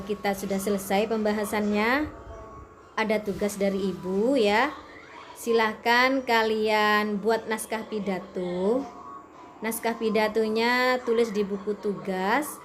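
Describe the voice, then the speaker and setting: A woman's voice: a little high, a little hiss or hum. A woman teaching a class, explaining step by step in a patient way with many fillers. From Indonesia. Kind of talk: classroom lesson to students.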